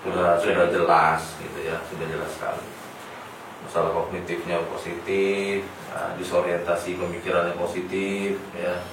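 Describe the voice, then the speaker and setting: A man working as a clinic therapist, gently coaching a patient and then explaining things plainly to the parents. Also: deep voice, flat delivery, moderate pace. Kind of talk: clinical consultation with a patient and family. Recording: echoey room, mic at a distance, faint noise.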